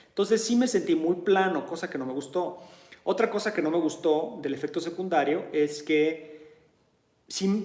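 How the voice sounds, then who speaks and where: A man's voice: on the high side, roomy sound. A man with a Mexican accent talking candidly in a casual monologue, often checking in with his listener. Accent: Mexican Spanish. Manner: candid, conversational, frequent "¿sí?" check-ins. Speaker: martial arts instructor sharing personal experience.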